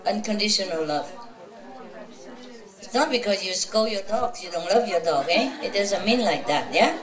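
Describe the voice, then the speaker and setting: A woman spiritual teacher giving an informal, chatty talk to a gathering, teasing and laughing often. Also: mid-range voice. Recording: roomy, from a distance.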